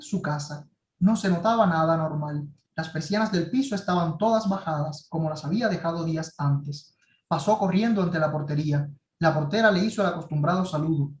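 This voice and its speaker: A male writing workshop teacher reading a short story aloud in measured, dramatic tones. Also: fairly high pitch, a little hiss or hum. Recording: roomy echo.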